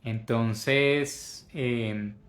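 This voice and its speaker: A man from Colombia teaching English in Spanish, slowly modeling English phrases and repeating them for learners. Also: mid-range voice, steady tone, a bit bright, echoey room. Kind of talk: Spanish-language English lesson.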